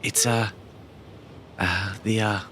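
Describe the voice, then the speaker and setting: A man voicing a shy young woman innkeeper with a put-on German accent, polite and halting. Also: fairly low pitch, fairly even intonation, a bit bright, slight background noise. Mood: bashful.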